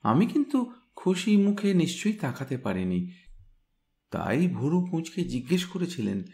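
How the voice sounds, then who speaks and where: A man reading a story aloud, voicing a smart young woman who briskly recounts a crime scene. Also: on the high side, big pitch swings, gravelly, a little mellow, voice pushed up. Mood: animated, brisk.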